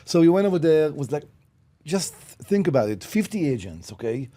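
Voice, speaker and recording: Here the broker's voice runs on the high side and dark in tone, very animated but at a normal pace. Originally from Israel and in his fifties, he's a guest in a casual podcast interview, bluntly telling his real estate story and frequently tossing in "okay?". The sound comes from a podcast studio mic.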